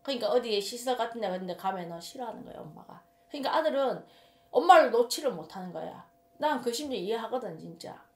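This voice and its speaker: A woman's voice: on the high side, lively intonation, quick pace. A woman shaman with a Gyeongsang Korean accent telling a story in casual monologue, emphatic and rambling, often repeating her words. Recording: roomy echo.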